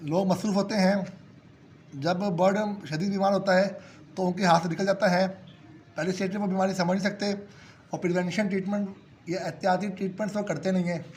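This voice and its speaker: A man with a sore throat, hosting a bird-keeping channel, calmly explains medicine doses to viewers he calls friends. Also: sits high, fairly quick, slight background noise. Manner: steady, repetitive explaining, addresses viewers as friends. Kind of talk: casual advice talk to viewers.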